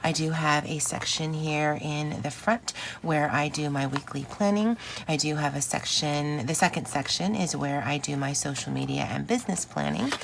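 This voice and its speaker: A woman's voice: sits low, vocal fry, a little hiss or hum. A woman with a phlegmy, rattly voice from morning congestion, hosting a casual, chatty craft vlog in an informal, rambling way. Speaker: planner channel host.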